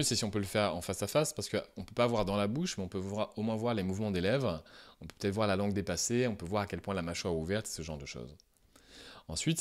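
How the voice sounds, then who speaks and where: Low-voiced man explaining pronunciation. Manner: explanatory, thinking aloud with hesitations, demonstrating vowel sounds. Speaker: English teacher. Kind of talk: casual spoken lesson.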